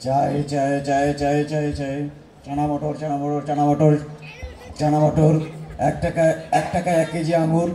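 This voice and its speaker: A man's voice: on the high side, monotone, normal speed, mellow, slight background noise, natural voice. A man playing a pushy railway platform hawker in a stage drama, repeating vendor calls. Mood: coaxing. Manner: repetitive street-vendor calls. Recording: echoey stage hall, faint music behind.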